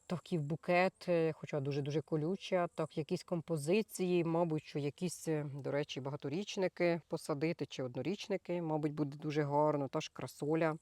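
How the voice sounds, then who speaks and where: A woman's voice: low voice, darkish tone, no room sound. A woman hosting a gardening vlog, talking casually outdoors in her garden, meandering and searching for words, with fond diminutives. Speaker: gardening channel host.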